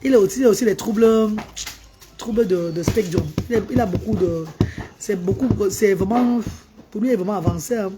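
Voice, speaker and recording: Over loud music, a brisk woman with a medium-pitched voice hosts a casual live stream. Animated throughout, she addresses her viewers and keeps coaxing the child beside her in between.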